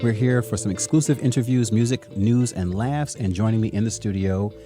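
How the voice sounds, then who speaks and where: A man's voice: on the low side, brisk, music in the background. A man hosting an entertainment podcast, chatting in a playful, upbeat way with his co-host and guest. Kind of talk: casual podcast chat.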